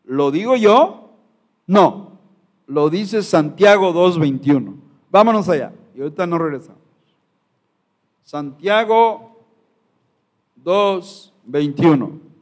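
A man's voice: a little high, expressive, slow pace, pauses often. A male pastor preaching a sermon to his congregation, emphatic and full of rhetorical questions. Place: church sanctuary.

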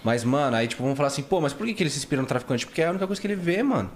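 Very fast slangy Brazilian man. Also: fairly high pitch, lively intonation. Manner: slangy, rapid interjections. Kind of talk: casual podcast conversation.

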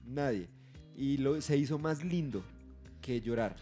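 A man with a Colombian accent, co-hosting a casual podcast chat as an animated storyteller who laughs at his own tales. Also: medium pitch, measured pace, faint music behind. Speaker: podcast co-host.

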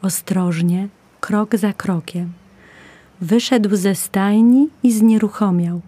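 A woman narrating a children's story in a gentle, measured way. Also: mid-range voice, husky.

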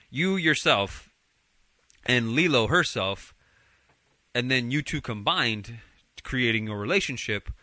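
A man's voice: medium pitch, bright, forceful tone, dry recording. A man co-hosting a podcast, talking casually and rambling with restarts and swearing. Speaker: podcast co-host. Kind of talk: casual chat.

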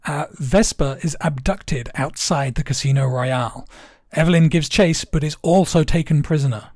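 A man's voice: fairly high pitch, moderate pace, a little mellow, no echo, clean studio sound. A man co-hosting a casual film review podcast, chatty, laughing often and restarting his sentences. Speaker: podcast co-host.

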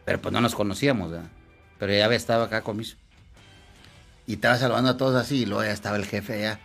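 A man's voice: lowish voice, fairly even intonation, rapid-fire, gravelly, a bit bright, faint music behind. A man, a former footballer telling crude, laughing anecdotes in a casual chat. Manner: laughing storyteller, crude slang, acts out voices.

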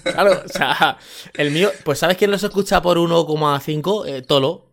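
A man's voice: fairly high pitch, moderate pace, gravelly, fairly bright tone. A man co-hosting a casual tech podcast chat, running words together, stumbling and swearing casually. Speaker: podcast host, tech reviewer.

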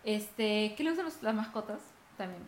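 A woman's voice: mid-range voice, lively intonation, normal speed, a little hiss or hum. A young woman chatting casually as a co-host, rambling with lots of fillers. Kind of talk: casual chat. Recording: roomy echo.

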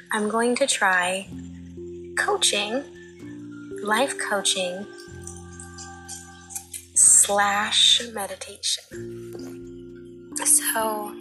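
A woman hosting a motivational coaching and meditation talk, sounding re-recorded through a speaker, as if talking into a bottle. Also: on the high side. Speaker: podcast host and life coach. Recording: muffled recording of a recording, music behind. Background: loud music.

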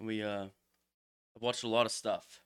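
A man's voice: fairly low pitch, little pitch movement, moderate pace, clear, resonant tone. A man co-hosting a podcast in casual, laid-back, slangy chat. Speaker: podcast co-host.

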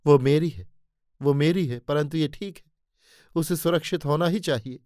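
A man's voice: mid-range voice, lively intonation, normal speed, dry recording, close to an everyday voice. A male narrator gives voice to an anguished, lovesick king from an audiobook tale. He pleads with rising passion, and the sound is close and dry. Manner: pleading, impassioned.

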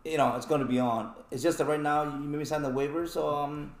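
A man's voice: on the high side, fairly even intonation, fast talker, reverberant. A man chatting as a podcast guest, brash and joking, cursing freely. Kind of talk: casual chat.

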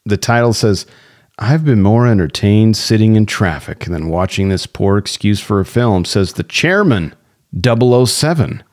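Low-voiced man, laid-back podcast co-host. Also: lively intonation, moderate pace, a little mellow. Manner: laughs often while reading reviews aloud. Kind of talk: casual chat reading listener reviews.

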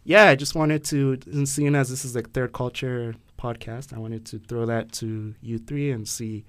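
Young man from Ghana hosting a podcast chat, mid-pitched, thinks out loud, stops and restarts a lot. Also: fairly even intonation, moderate pace. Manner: thoughtful, hesitant, many fillers and restarts. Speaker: podcast host. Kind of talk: casual podcast discussion.

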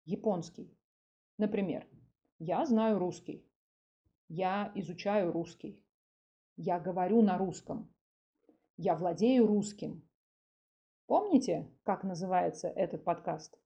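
Hosting a language-lesson podcast, a Russian teacher speaks to learners in a scripted, didactic way, breaking her speech into separate phrases and repeating examples. Her voice is fairly low and warm, and the sound quality is lo-fi.

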